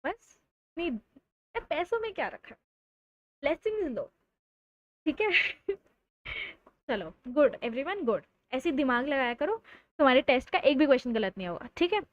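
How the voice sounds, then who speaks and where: A young woman teaches chemistry on a live stream, her voice high and bright in pitch. She teases her students playfully, then stretches the important terms out slowly. The stream audio sounds somewhat dull and lo-fi. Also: very animated, no echo. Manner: playful, teasing students between explanations. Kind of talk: live online lecture.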